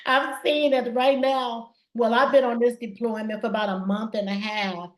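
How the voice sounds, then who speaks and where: Lively woman host in an echoey room. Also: on the high side. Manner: lively, agreeing, bursts of quick speech. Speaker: interview host, claims adjuster. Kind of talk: interview conversation.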